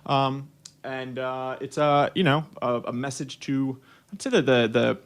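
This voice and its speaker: A man's voice: medium pitch, a little slow, clean tone. A young man, a guest musician, talking in a laid-back, hesitant way full of fillers on a radio show. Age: young adult. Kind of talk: casual radio interview.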